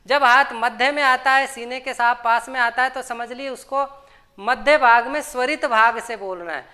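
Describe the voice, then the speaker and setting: A woman's voice: fairly high pitch, normal speed, pushed and bright. A woman teaching a Sanskrit grammar lesson, patiently explaining terms and repeating each rule. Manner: patient, repeats terms and sutras, asks and answers her own questions.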